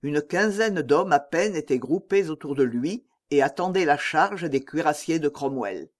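Man narrating an audiobook with steady drama. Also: a little high, a little slow. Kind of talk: scripted narration.

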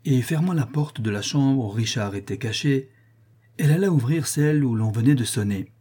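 Male storyteller, audiobook reading, dark mellow tone, husky, measured. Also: mid-range voice, lively intonation. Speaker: narrator.

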